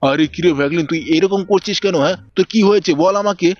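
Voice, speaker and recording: A woman voicing a grumpy middle-aged uncle in a mobile game video, talking in a gruff, scolding way. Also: on the low side, very fast, darkish tone, no echo, muffled recording, pitched below the performer's own voice, lightly acted.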